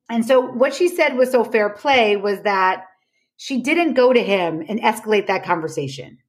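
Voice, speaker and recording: As a podcast guest, a woman with a medium-pitched voice explains her ideas conversationally. She tells anecdotes emphatically and acts out reported dialogue.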